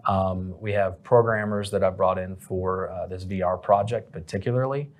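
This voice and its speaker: A man's voice: sits low, steady tone, moderate pace. A man, a company president, answering interview questions in a casual, rambling way with many fillers.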